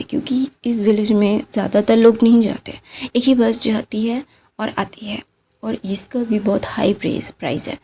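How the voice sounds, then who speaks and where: A woman's voice: mid-range voice, vocal fry, dark tone, a little hiss or hum. A woman casually retelling a fan story, chatty and loose, with lots of fillers, sometimes dropping to a near-whisper.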